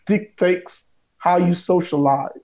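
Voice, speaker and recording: A male guest with a high voice delivers his points with heavy, sermon-like emphasis in a preachy conversation. He slows down to repeat his key lines, and the recording is dull and lo-fi.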